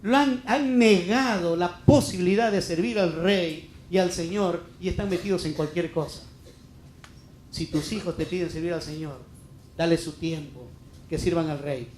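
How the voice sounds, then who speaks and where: A man's voice: a little high, fairly even intonation, normal speed, darkish tone, echoey room, slight background noise. A middle-aged Peruvian man preaching a heartfelt, emphatic sermon as a pastor, full of rhetorical questions. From Peru. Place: church hall.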